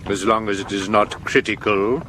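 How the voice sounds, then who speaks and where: A man's voice: fairly low pitch, fairly even intonation, normal speed, background noise, close to an everyday voice. A man playing a pompous, grandly theatrical actor turned detective in a 1970s radio drama. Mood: menacing. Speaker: amateur detective.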